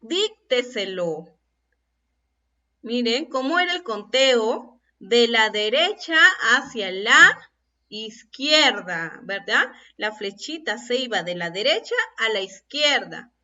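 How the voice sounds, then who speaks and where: A woman teaching a grammar lesson to primary school children, stretching out syllables slowly, then asking the class questions and answering them herself. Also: a little high, expressive, bright, forceful tone. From Peru. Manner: slow and deliberate, stretching out example words and syllables. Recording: dull distant lo-fi recording.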